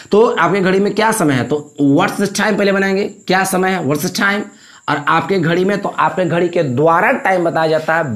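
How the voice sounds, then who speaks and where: A man teaching a spoken English lesson in Hindi. He explains step by step, repeats points and keeps checking in with his students. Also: high-pitched. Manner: repetitive, explaining with frequent check-ins.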